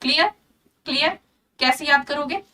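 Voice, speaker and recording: High, bright-voiced woman teacher drilling vocabulary. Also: normal speed, recorded from a distance. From India. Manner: repeats words drill-style, keeps asking "clear?"; explains through memory tricks and little stories. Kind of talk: online exam-prep lesson.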